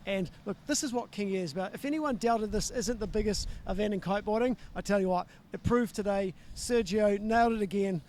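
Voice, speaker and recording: A male co-host wrapping up a live outdoor event at night. His voice is notably high and he speaks very fast. He hammers his points home with emphatic repetitions. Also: a little mellow, a little hiss or hum. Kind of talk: live event commentary and interview.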